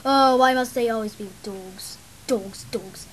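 A woman voicing a furious male villain boss who hates dogs, shouting and ranting. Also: sits high, moderate pace.

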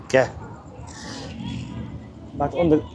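A man vlogging on a city street, chatting casually and coaxing stray cats with soft hissing calls, mixing in English and Turkish words. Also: slow, highs cut off, a crowd in the background. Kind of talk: casual vlog chat. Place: outdoors on a city street by the bay. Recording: noisy outdoor street audio.

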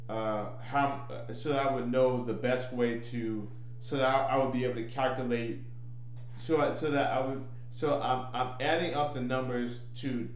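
Halting man thinking aloud in an echoey room. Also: mid-range voice. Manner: halting, repeats and restarts phrases over and over. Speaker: programmer explaining his code. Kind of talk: informal unscripted tutorial, thinking aloud. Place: small indoor room at home. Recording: echoey room, clear background noise.

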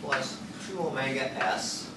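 Distant older man lecturing, thinking out loud. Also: mid-range voice, a little slow. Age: 60s. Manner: thinking out loud, hesitant self-correcting while writing. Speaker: engineering lecturer. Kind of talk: chalkboard lecture, working through equations. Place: classroom at a chalkboard. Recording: roomy classroom, distant mic, background noise.

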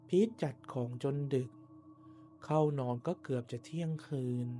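A man narrating a scripted horror story in a soft, measured way, pausing between short phrases. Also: on the high side. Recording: noticeable background noise and ambience.

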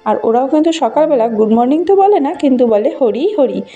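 Narrating her walking vlog outdoors in a rural garden and fields, a woman in her thirties from Bengal chats with viewers and points things out, gently enthusiastic. Her high-pitched voice is animated and a little fast. The handheld phone recording sounds muffled.

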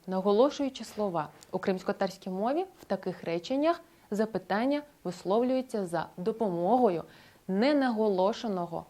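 A woman's voice: medium pitch, mellow. Woman narrating a scripted language lesson. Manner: clear, explanatory, slows down to model example phrases. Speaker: language teacher.

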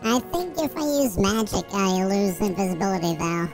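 A man commentating a game he is playing, his voice pitched high into a sped-up chipmunk voice as he muses aloud. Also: animated, moderate pace, vocal fry, music in the background, poor audio. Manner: musing aloud while playing. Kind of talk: let's play commentary.

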